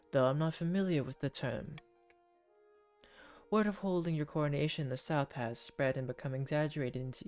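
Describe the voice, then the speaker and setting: A woman voicing a deferential royal advisor in a fantasy game, speaking in a slow, formal, theatrical manner. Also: a bass voice, darkish tone. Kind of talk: theatrical fantasy game dialogue read aloud.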